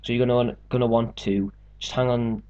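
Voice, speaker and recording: A man's voice: mid-range voice, steady tone, moderate pace, warm tone, highs cut off. A young man casually talking through a game walkthrough, explaining steps and joking around. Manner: chatty, joking, explains step by step. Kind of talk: casual gameplay commentary.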